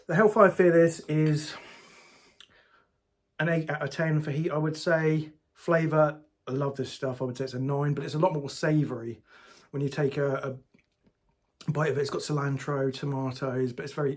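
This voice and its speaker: Chatty guy doing a sauce review vlog, kinda high voice, husky, talks right to the camera. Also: steady tone, normal speed, long pauses. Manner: chatty, talks straight to viewers as "guys". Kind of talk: casual food review vlog.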